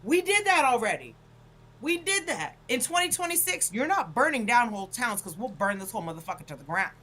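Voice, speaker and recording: A woman hosts a casual panel talk, with a voice pitched a little high. She makes her points with blunt emphasis and swears freely. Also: very animated, brisk, bright, forceful tone, low-quality recording.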